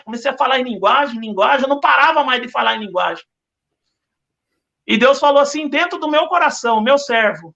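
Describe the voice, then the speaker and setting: A man's voice: very high-pitched, vocal fry, sharp tone, muffled recording. A man with a Brazilian Portuguese accent giving an earnest religious testimony as a podcast guest, telling his story with lots of repetition.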